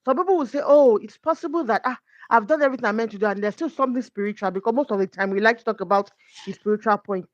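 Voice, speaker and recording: Speaking as a guest coach in a conversational talk about faith, a woman with a fairly high voice races along, earnest and careful, using examples to work through her points. The sound is dry and slightly dull, with no echo or room around it.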